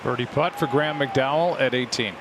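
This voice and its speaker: A man calling golf as a play-by-play commentator, speaking in measured, terse descriptive phrases. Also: medium pitch. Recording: loud outdoor crowd and background noise. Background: golf tournament crowd, outdoor ambience.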